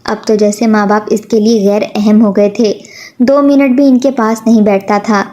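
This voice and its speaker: Mellow woman telling an emotional story. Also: medium pitch, steady tone. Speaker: narrator. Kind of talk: storybook narration.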